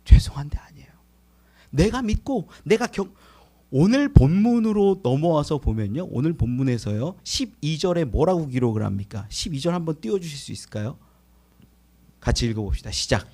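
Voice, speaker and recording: Brief: male preacher, animated Sunday sermon, high tenor, rhetorical questions. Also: moderate pace. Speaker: pastor. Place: church sanctuary.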